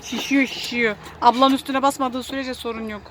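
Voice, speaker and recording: High-voiced woman chatting outdoors. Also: steady tone, moderate pace. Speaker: family member on the trip. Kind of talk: casual family chat. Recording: loud outdoor noise.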